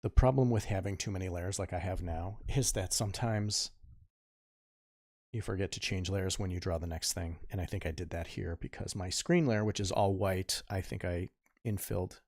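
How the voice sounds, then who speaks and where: A man's voice: low voice, expressive, moderate pace, gravelly, a little mellow, no room sound, studio quality. A man in his fifties, a comic artist chatting casually while he draws, rambling and correcting himself as he goes, muttering asides to himself. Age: 50s. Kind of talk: casual tutorial chat while drawing.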